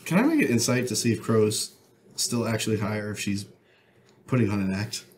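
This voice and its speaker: A man playing a tabletop game, jumping in with quick questions. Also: lowish voice, lively intonation, a little hiss or hum. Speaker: player. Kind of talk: casual tabletop role-play.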